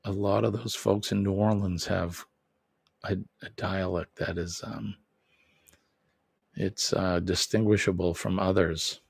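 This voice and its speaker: Low and steady, with vocal fry and a breathy edge, a man speaks unhurriedly in a recording free of room sound. He's a Boston-accented New Englander casually reading live-stream comments aloud, wandering in his talk, correcting himself and often chuckling.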